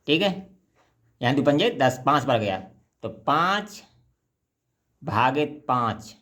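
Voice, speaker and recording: A man's voice: medium pitch, big pitch swings, slow, pushed and bright. A man from India, teaching a math problem patiently and step by step. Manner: patient, step-by-step, often says "ठीक है" and "देखिए".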